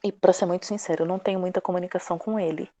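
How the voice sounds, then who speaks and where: A middle-aged woman with a Brazilian accent, sharing personal stories in a live therapy session in a direct, animated way. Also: fairly low pitch, rapid-fire. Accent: Brazilian Portuguese. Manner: direct, animated, acts out quoted dialogue. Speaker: class participant.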